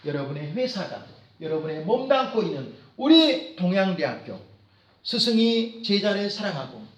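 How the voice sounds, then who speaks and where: Guy teaching a class, kinda high voice that goes up and down a lot, says things over slow so students follow, roomy echo. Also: sing-song. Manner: repeats phrases slowly for students to follow. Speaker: professor teaching business Korean. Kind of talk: lecture with dialogue drills.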